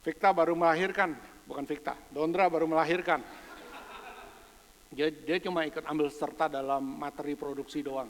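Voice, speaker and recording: A man with a high voice preaches to his church. His delivery is playful and joking, and he drops English phrases into the sermon. The sound has a long reverb from the church hall. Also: fairly even intonation, moderate pace, slight background noise. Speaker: pastor.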